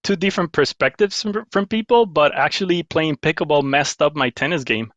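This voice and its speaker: A man's voice: fairly high pitch, fairly quick, fairly bright tone, dry recording. A man talks casually as a guest over a slightly dull, lo-fi remote line. His voice sits mid-range, and the sound is dry and close. He rambles, restarts often, and laughs at himself. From Guatemala. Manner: rambling, with many restarts and self-deprecating laughs. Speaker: guest, paddle company owner. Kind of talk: casual interview chat.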